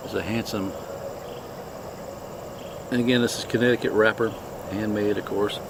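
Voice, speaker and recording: A man with a fairly low voice talks casually as a review host. His delivery is plainspoken and unhurried, with halting stretches. The recording is clearly noisy, with insects and ambient sound behind him. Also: fairly even intonation. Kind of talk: casual product review chat.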